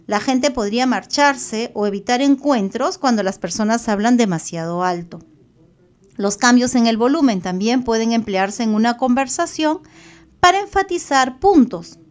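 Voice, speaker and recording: A woman with a Peruvian Spanish accent delivers a recorded online psychology lecture. Her voice sits somewhat high, and she explains step by step, pausing on fillers and correcting herself now and then. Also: lively intonation.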